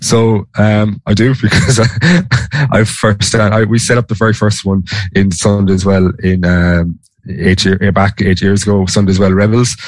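A man's voice: on the low side, fairly even intonation, unhurried, dry recording. A man with a west of Ireland accent giving informal, hesitant, rambling explanations as an interview guest. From Galway, west of Ireland. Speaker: interview guest, sports organisation director. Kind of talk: conversational interview.

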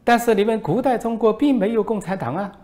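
A man voicing a sly male foreign reporter who asks mock-innocent, needling questions in a raised, slowed voice. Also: darkish tone, close to an everyday voice. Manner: high, slow, needling, mock-polite.

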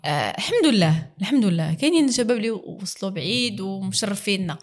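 A woman's voice: medium pitch, lively intonation, quick pace. A woman with a Moroccan accent, a guest in a casual interview, speaking earnestly and mixing in French words.

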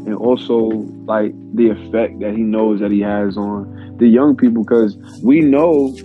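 A man's voice: on the low side, fairly even intonation, measured pace, phone-quality sound, soft background music. Man on a choppy, breaking-up call line. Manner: earnest, loose, slangy talk. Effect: choppy, breaking-up online call audio. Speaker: podcast host. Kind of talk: casual chat.

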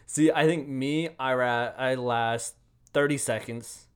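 A man's voice: medium pitch, slow pace, clear, resonant tone. A man in casual chat with a friend, telling exaggerated stories and acting out the scenes. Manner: animated storyteller who acts out silly scenes.

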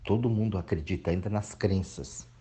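A man's voice: sits low, normal speed, mellow. A man from Brazil giving an emphatic, preachy reflective monologue to his regular audience, sometimes mocking whiny voices. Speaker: motivational speaker.

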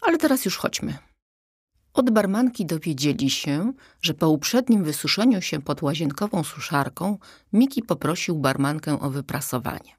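Low-voiced woman reading a story. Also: lively intonation, normal speed, few pauses, darkish tone, slightly rough, no room sound, clean studio sound. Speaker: audiobook reader. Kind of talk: scripted children's story narration.

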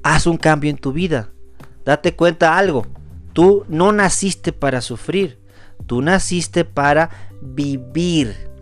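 A man delivers an earnest, preachy motivational talk as a podcast host. His voice sits high for a man, and soft music plays faintly beneath it. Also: slow pace. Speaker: podcast host giving a reflection. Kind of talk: motivational monologue.

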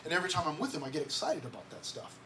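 Male pastor, high voice, easygoing sermon with restarts, faint hiss behind. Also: big pitch swings, very fast, pushed and bright. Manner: conversational, repeats words, asks the congregation questions. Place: church sanctuary.

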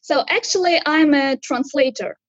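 A woman's voice: high voice, moderate pace, no room sound, dull audio. A woman in her thirties from Kazakhstan, speaking English as an on a video call, hesitant and searching for words as she answers interview questions. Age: 30s. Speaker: interview guest. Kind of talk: casual interview.

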